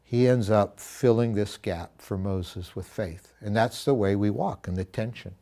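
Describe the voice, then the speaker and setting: Earnest man teaching scripture, mellow voice. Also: fairly low pitch, unhurried. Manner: earnest, reflective, with self-corrections and asides. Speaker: pastor teaching a Bible study. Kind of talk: conversational Bible teaching.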